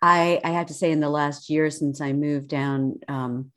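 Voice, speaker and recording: A woman with a notably low voice hosts a podcast interview. She affirms her guest and wraps up the show in an encouraging way. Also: fairly even intonation, measured pace. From United States. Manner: warm, affirming, upbeat sign-off. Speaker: podcast host.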